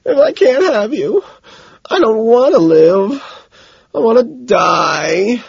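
A man voicing a lovesick, pathetically clinging man in an audiobook, high, wailing and tearful. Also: takes it slowly, a little mellow, slightly rough, no room sound, lo-fi sound, heavily acted. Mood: sobbing despair. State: crying.

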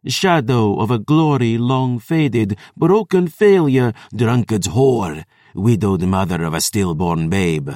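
A man's voice: fairly low pitch, lively intonation, slow pace, a little mellow, no echo, clean studio sound. A man voicing an ancient, cruel female vampire who taunts in archaic, contemptuous speech. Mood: taunting.

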